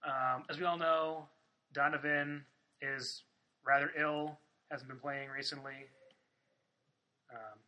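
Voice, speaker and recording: A man's voice: fairly high pitch, fairly even intonation, takes it slowly, pauses often, pushed and bright, dull audio. A man hosting a casual sports podcast, talking loosely with lots of fillers and swearing. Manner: loose, profane, filler-heavy. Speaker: podcast host.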